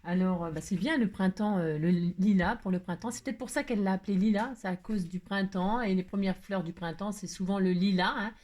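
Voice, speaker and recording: A woman's voice: mid-range voice, fairly quick, few pauses, darkish tone. A woman casually chatting as she makes a card, rambling and playful with lots of fillers. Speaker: craft vlogger. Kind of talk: casual crafting chat.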